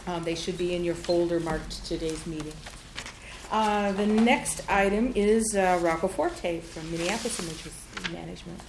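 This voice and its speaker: A woman chairing a committee meeting in a brisk, procedural and polite manner. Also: lowish voice. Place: hearing room. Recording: roomy echo with clear background noise.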